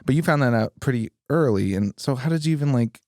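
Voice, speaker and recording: A man's voice: medium pitch, expressive, fast, darkish tone, no room sound, clean studio sound. A man in his thirties hosting a podcast, rambling casually with lots of filler words and a joking tone. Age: 30s. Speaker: podcast host. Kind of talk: casual interview conversation.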